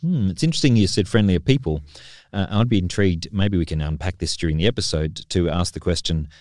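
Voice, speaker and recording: Low-voiced man hosting. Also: fast talker, a little mellow, no echo, studio quality. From Australia. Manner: friendly, with frequent ums and uhs. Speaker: podcast host. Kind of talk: casual podcast chat.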